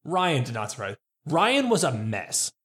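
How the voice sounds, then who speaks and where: Guy chatting casually, lively swoopy voice, acts out quotes. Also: on the high side, measured pace. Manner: animated, quotes people in put-on voices. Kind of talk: casual chat.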